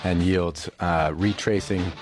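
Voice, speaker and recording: A man's voice: low voice, fairly even intonation, takes it slowly, music in the background. An American man giving conversational financial commentary as a radio co-host.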